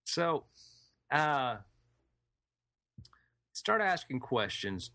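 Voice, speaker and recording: A man's voice: mid-range voice, sing-song, very slow, pushed and bright, no echo. A man co-hosting a comedy podcast, playfully running a mystery game with improvised jokes. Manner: playful, jokey storyteller.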